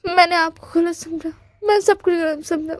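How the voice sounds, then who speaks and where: A woman's voice: very high-pitched, fairly even intonation, normal speed, no echo, pitched above the performer's own voice. A woman voicing a remorseful mother who pleads tearfully for forgiveness in a storytelling. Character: remorseful mother sobbing out apologies.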